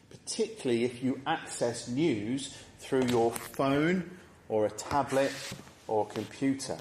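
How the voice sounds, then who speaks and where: A man preaching a sermon in a church, measured and conversational, pausing to pose reflective questions to the congregation. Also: mid-range voice, darkish tone, a little hiss or hum. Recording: echoey church room.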